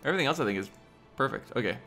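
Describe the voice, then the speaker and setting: A man's voice: medium pitch, lively intonation, very fast, pushed and bright, soft background music. A man streaming a city-building game, talking to himself and his chat as he lays out roads in casual commentary. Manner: muttering to himself while planning, talking to chat. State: hiccups. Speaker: livestreamer.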